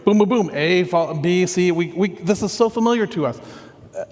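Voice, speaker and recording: Guy pastor giving a sermon, chatty and earnest, goes soft and thoughtful, big echoey hall. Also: high voice, normal speed. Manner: conversational, earnest, drops to soft reflective tones.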